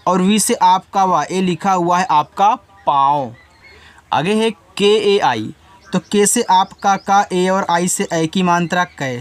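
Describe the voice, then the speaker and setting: High-voiced man explaining a reading lesson. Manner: patient step-by-step explaining, casual asides to students. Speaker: English reading teacher.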